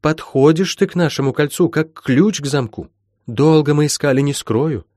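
A man's voice: on the high side, normal speed, a little mellow, dry recording, clean studio sound, pitched above the performer's own voice, lightly acted. A man voicing a stern middle-aged woman healer who talks in old-fashioned folksy speech, in an audiobook. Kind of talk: audiobook character voice.

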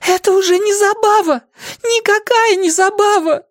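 Guy putting on a high shrill teen girl voice, feisty rebel kid, audiobook read, dry sound. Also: normal speed, no echo. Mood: tearful. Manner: shrill, tearful. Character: teenage girl, feisty small-town rebel.

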